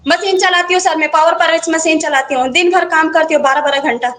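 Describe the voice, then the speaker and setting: A woman's voice: extremely high pitch, steady tone, brisk, a bit bright. A woman giving an emotional interview, pleading and urgent, addressing the interviewer as sir again and again. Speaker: interviewee, wife of the man who ran off. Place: remote interview from far away.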